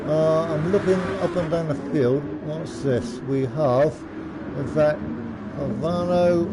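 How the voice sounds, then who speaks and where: A man's voice: a little high, slow. A man giving casual live commentary on an online car race, hesitant and rambling, often repeating his phrases. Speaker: commentator of an online sim racing league. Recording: loud engine and car noise. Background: racing car noise.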